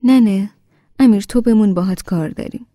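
A woman reading aloud voices a doting, bossy old grandmother who talks loudly and coaxingly. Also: on the low side, gravelly, no echo, clean studio sound. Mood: fussing. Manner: loud, coaxing and fussing.

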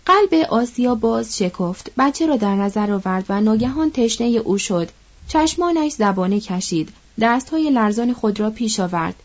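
A woman reading a novel aloud in measured, literary narration. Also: a little high, lively intonation, lo-fi sound. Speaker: audiobook narrator.

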